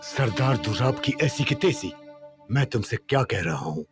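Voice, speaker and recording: A man's voice: medium pitch, expressive, normal speed, music in the background, close to an everyday voice. An actor playing a short-tempered old grandfather who barks impatient questions. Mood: gruff. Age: older.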